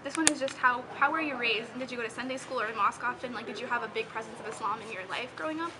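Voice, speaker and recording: A young woman with a fairly high voice interviews a student, firing off prepared questions rapidly but in a casual, hesitant way peppered with "like" and "okay." Crowd noise fills the background.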